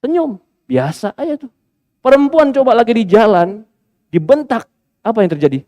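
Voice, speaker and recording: A male Islamic preacher giving a sermon, asking rhetorical questions and moving between emphatic peaks and quiet asides. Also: high voice, no echo, clean studio sound.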